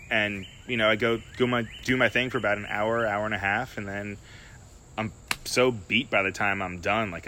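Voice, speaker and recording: A man talking in a relaxed, rambling way in a casual podcast chat, swearing now and then. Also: fairly low pitch, slight background noise.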